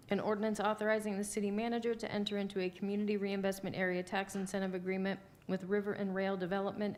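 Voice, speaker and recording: Woman, American accent, flat official minutes reading, monotone, faint background noise. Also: medium pitch. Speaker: clerk reading minutes and legislation. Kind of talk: formal reading of minutes and legislation. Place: indoor council meeting.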